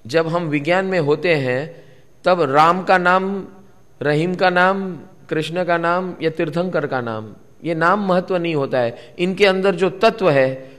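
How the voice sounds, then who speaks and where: Slow-speaking man preaching in a hall. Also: fairly high pitch, fairly bright tone. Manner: repeats key words, asks the audience questions. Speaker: spiritual teacher. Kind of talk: spiritual discourse to a live gathering. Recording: long hall reverb.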